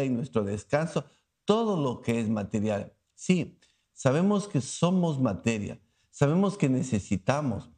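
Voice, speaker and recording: A man's voice: mid-range voice, darkish tone. A man preaching a sermon who keeps asking his listeners rhetorical questions and acts out the scenes he retells.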